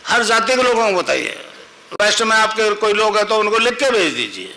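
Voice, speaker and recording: A man's voice: sits high, sing-song, a little fast, sharp tone, poor audio. An older man, giving a spiritual discourse as a guru and often checking that listeners follow. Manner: rhetorical checks on listeners, repetitive chanting demonstration. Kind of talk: spiritual discourse to a live audience.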